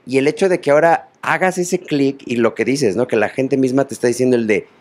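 A man's voice: mid-range voice, brisk, a little mellow. A man with a Mexican accent hosting an interview, asking long, meandering questions full of fillers. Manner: rambling, hesitant questions with many fillers. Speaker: interview host. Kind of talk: casual interview.

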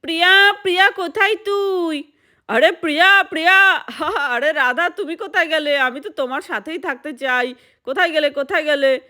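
Woman, doll play storyteller, lively, high pitch, bright voice. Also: moderate pace. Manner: lively, plays every doll's voice. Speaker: storyteller voicing dolls.

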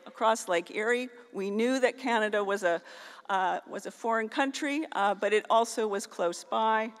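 A woman's voice: fairly high pitch, a bit bright, clean tone. A middle-aged woman from the US, giving a formal graduation keynote at a podium microphone on a large auditorium stage. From northeastern Ohio, US. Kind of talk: formal ceremonial speech. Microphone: podium microphone on a stand. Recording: long hall reverb.

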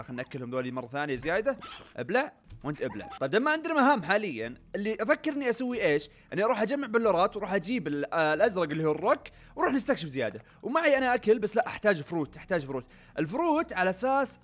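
A young man, chatting excitedly to viewers as he plays a video game. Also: sits high. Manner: excitable, chatty, talks to viewers while playing. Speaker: gaming YouTuber. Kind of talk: casual let's-play commentary. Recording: faint game music behind.

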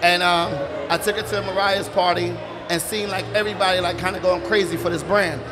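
New York guest, higher male voice, relaxed animated storyteller, music playing behind. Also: brisk, a crowd in the background. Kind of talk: casual interview storytelling. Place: live brunch event.

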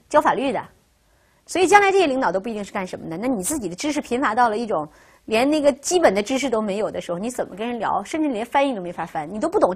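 A woman's voice: a little high, husky. A woman teaching a language class, who keeps asking her students rhetorical questions and checking in with "right?". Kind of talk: classroom lecture.

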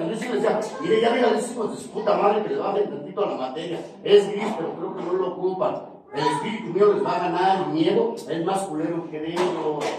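A man with a Mexican accent giving a heated, profane, confrontational testimony at a recovery group meeting. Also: high voice. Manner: profane, confrontational, preaching rant. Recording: very echoey room, far from mic, noisy.

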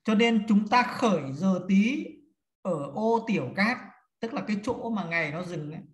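A man's voice: high-pitched, expressive. A man teaching a class, counting and explaining steps one by one to his students. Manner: slow, step-by-step counting and instructing. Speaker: feng shui teacher. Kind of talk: classroom lesson. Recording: echoey room.

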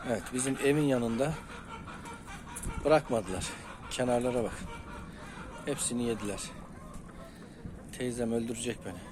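A man's voice: mid-range voice, moderate pace, long pauses, background noise. A man collecting eggs in a chicken yard, counting aloud and talking fondly to his hens in a casual vlog. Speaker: chicken keeper. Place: outdoors in a chicken yard by the sea.

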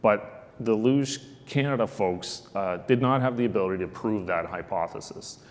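A middle-aged man, the keynote speaker on sports analytics, gives a conference presentation from a lectern in a large hall, picked up by the lectern microphone. His voice is fairly low and his pace moderate, and he talks conversationally with frequent ums and uhs.

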